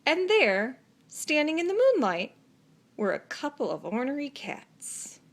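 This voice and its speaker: A woman narrating a children's story expressively, with deliberate phrasing and dramatic pauses. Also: sits high, big pitch swings. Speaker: storybook reader.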